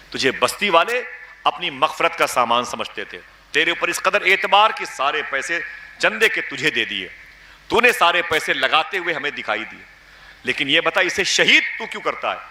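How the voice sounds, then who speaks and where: A man voicing an angry male villager who loudly rebukes and threatens a cleric, in an echoey room. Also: mid-range voice, big pitch swings. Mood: furious.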